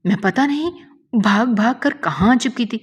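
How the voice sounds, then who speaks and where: A woman's voice: on the high side, animated, breathy edge. A woman narrating an emotional first-person story in an earnest, heartfelt way.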